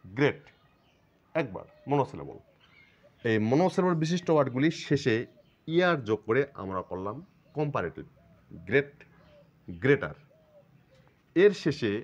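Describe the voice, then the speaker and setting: A Bangladeshi man teaches a grammar lesson, and his pitch rises and falls widely as he goes. He explains patiently, one step at a time, and repeats each term. The recording sounds dull and lo-fi. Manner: explains step by step, repeats terms, stretches words slowly to show syllables.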